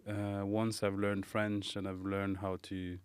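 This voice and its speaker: Low, smooth-voiced man, halting speech. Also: monotone, no room sound. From Morocco. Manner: thoughtful, halting, many fillers. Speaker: guest, pastry chef. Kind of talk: casual interview.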